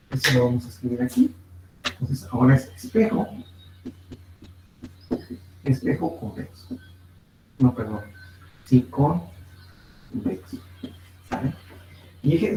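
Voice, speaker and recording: A man teaching a physics class, explaining step by step with frequent fillers and checking in with his students, with a Mexican Spanish accent. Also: mid-range voice. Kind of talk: online class lecture. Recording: echoey room, distant mic, faint noise.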